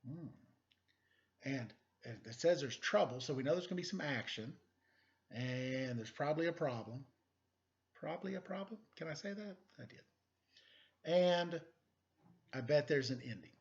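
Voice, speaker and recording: A middle-aged story-time teacher reads a picture book aloud for children in a high, animated voice at a moderate pace with long pauses. He's playful and quizzes his young listeners as he goes. The audio sounds dull.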